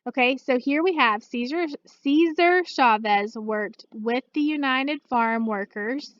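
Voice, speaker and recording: Woman, teacher, recorded lesson, steady and patient, frequent check-ins, somewhat high voice, lo-fi computer audio. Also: takes it slowly, dry recording. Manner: patient, steady, uses many "okay" and "all right" check-ins. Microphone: computer mic.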